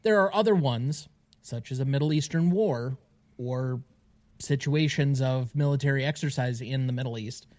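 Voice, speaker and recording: Guy on a podcast, dry-humored, mid-pitch, just chatting. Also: moderate pace, a little mellow. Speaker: podcast co-host. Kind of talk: casual chat.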